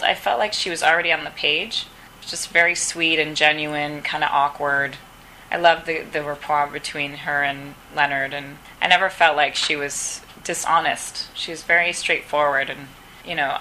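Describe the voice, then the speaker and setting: Actress, female, low register with a bright, forceful edge; chatty interviewee who acts out quoted lines. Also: slight background noise, low-quality recording. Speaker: actress interviewed at a press round table. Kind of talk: casual interview answers. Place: press round table.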